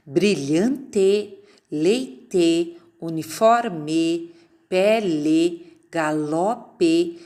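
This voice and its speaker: Slow, patient woman teacher. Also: medium pitch. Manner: slow, patient, stretches words for dictation. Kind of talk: classroom lesson correcting exercises.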